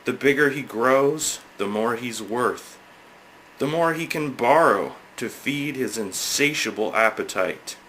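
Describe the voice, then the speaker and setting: A man's voice: medium pitch, animated, measured pace, a bit bright, slight background noise, poor audio. A man giving a hammy, theatrical dramatic reading of a scripted satirical essay, leaning on words for emphasis.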